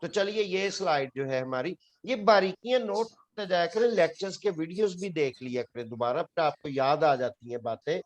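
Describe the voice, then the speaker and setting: Barely pausing, a man from Pakistan teaches an English spelling lesson in a classroom at a moderate pace, explaining patiently and repeating each word. His voice is on the high side.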